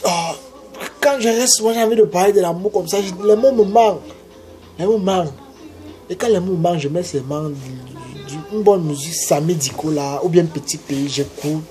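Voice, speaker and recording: Mellow-voiced man giving emphatic advice. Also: sits high, moderate pace, faint music behind. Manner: emphatic and repetitive, preachy. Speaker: vlogger giving love advice. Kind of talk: casual advice monologue to camera.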